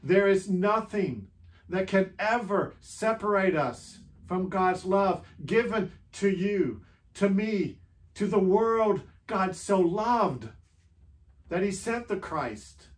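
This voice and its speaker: A pastor's reflective meditation for Holy Week comes in short, gentle phrases with long pauses between them. His mid-range voice is animated, and he keeps asking the listener questions.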